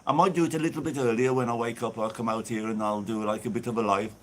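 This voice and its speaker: A man's voice: medium pitch, steady tone, fast talker, slight background noise. A man from England chatting casually on a phone live stream, bubbly and reading viewer comments aloud while outdoors. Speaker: vlogger hosting a live stream. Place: outdoors with a church view behind. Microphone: phone held in front of him.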